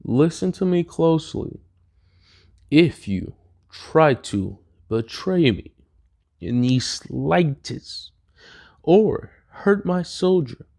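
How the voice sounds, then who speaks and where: A man voicing a smug, cruel male alien tyrant who draws out his threats slowly. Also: medium pitch, warm tone, pitched above the performer's own voice. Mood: menacing. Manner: slow, drawn-out threats.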